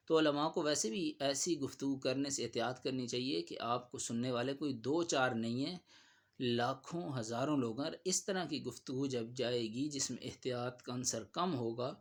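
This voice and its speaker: A man giving spoken commentary on a religious dispute in a measured, admonishing tone. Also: medium pitch.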